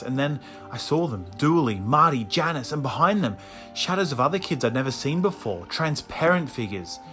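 A man's voice: medium pitch, fairly bright tone. Man reading a spooky story. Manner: measured, suspenseful reading. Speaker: audiobook reader. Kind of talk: first-person storybook narration. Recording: music playing underneath.

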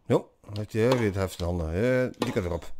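A man chatting casually as he plays a tennis video game, with excited exclamations. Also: fairly low pitch, fast. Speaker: gamer, channel host. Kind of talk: casual gameplay commentary. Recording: clear game noise behind.

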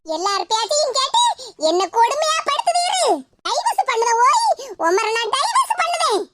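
A performer voicing a feisty, sharp-tongued older wife in a cartoon, with a squeaky, scolding manner and a southern Tamil Nadu accent. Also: big pitch swings, normal speed, dry recording, studio quality, exaggerated voice. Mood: wailing complaint. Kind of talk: cartoon voice acting. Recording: loud background noise.

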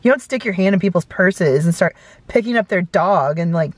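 A woman in her thirties sits in a parked car at night, vlogging casually into a camera held close in front of her and rambling through a story full of fillers. Her voice sits on the low side and is expressive and a little fast, with no room sound.

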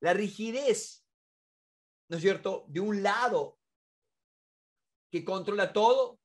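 Speaking slowly in a high voice, an Argentine man in his forties from Córdoba lectures informally to camera while seated at a desk in an indoor room. He works as a negotiation expert and instructor, and his Argentine Spanish-accented talk is emphatic and full of rhetorical questions.

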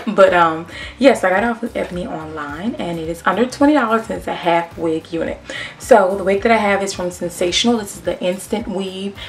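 A woman's voice: lowish voice, vocal fry, distant mic, slight background noise. A woman vlogger, chatting casually to viewers through a wig tutorial, with peppermint in her mouth. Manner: chatty, addresses viewers as y'all. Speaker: beauty vlogger.

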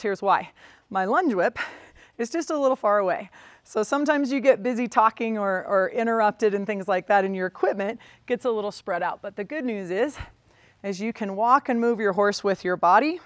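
A woman riding instructor teaching a lesson while lunging a horse, talking calmly and stopping often to praise the horse. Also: mid-range voice, moderate pace, no room sound, clean studio sound.

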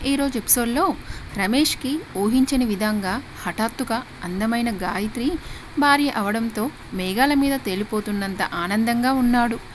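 A woman narrating a dramatic family story in a steady, expressive storyteller's manner. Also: on the high side, a little hiss or hum.

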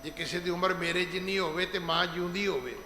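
A middle-aged man giving an emphatic sermon as head preacher, slowing down to stress scripture and acting out the people he quotes. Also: sits high, fairly even intonation, sharp tone, a little hiss or hum. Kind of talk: gurdwara sermon. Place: large gurdwara hall. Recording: echoey hall with long reverb, faint ambience.

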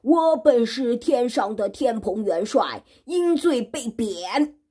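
A woman's voice: on the high side, lively intonation, slow, mellow, husky, voice pushed up, heavily acted. A woman doing a whiny pig demon. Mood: whining. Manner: whining and aggrieved.

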